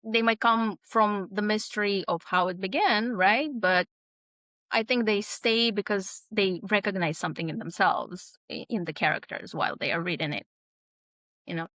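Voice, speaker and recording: A woman who is an author speaks as a guest in a casual interview. Her mid-range voice moves at a moderate pace with a fairly bright tone, and the recording is very dry with no room sound. She came from abroad around age twenty-two and talks hesitantly, full of fillers and restarts.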